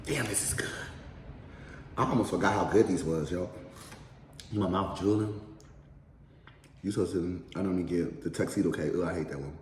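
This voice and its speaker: A man's voice: sits low, fairly quick, pauses often, darkish tone. A man hosting a casual eating show, talking candidly in heavy slang and swearing freely. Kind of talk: casual chat and mukbang. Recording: echoey room with long reverb, faint noise.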